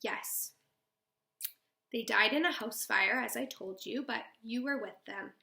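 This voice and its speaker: Lady putting on a gentle old granny from a storybook, soft and a bit halting, slightly high, echoey room. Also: gravelly, heavy background noise. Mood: hushed. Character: gentle old grandmother, calm and wise. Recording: roomy echo.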